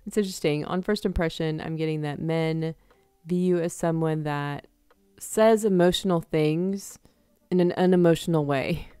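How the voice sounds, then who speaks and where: A woman giving a casual tarot reading to her viewers, chatty and quick to laugh, acting out little examples. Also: low-pitched, warm tone, clear, resonant tone, no echo, clean studio sound, faint music behind. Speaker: tarot reader.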